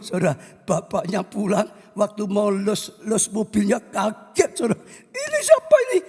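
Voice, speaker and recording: A man preaching a sermon as pastor, telling a story to the congregation in an animated way, swinging between loud bursts and hushed tones. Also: high-pitched, breathy edge. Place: church hall. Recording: echoey church hall with long reverb.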